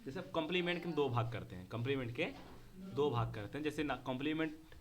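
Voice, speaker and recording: A man's voice: medium pitch, animated, quick pace. A man teaching a grammar lesson to a class. He speaks, repeats key words and keeps asking whether the students understand.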